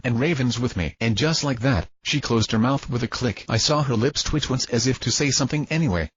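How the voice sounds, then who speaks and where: A man narrating a fan-fiction audiobook in a steady first-person storytelling way, close to a home microphone. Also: mid-range voice, husky, no room sound. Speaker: audiobook reader. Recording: dry, slightly dull lo-fi recording.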